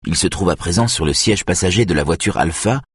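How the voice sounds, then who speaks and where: A man narrating an audiobook thriller in a steady, measured way. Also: low-pitched, slightly rough, no room sound, studio quality.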